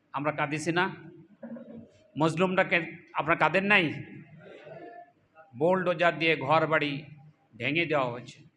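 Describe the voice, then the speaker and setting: A man giving a fiery political sermon to a crowd, asking rhetorical questions and swinging between loud cries and low asides. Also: slight background noise. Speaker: Islamic political speaker.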